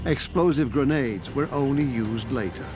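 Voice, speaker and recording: A male documentary narrator reads a scripted account at a measured pace of phrasing, with a sense of drama. His voice sits at a middle pitch, over clearly audible music. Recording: prominent music bed.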